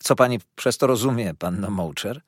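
A man reading an audiobook, voicing an easygoing, amused young gentleman who asks relaxed questions. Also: on the low side, normal speed, husky, no room sound, clean studio sound.

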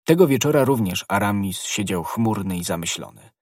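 A man narrating a classic novel as an audiobook, in measured, even storytelling. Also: lowish voice, husky, no echo, studio quality. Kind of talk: scripted narration.

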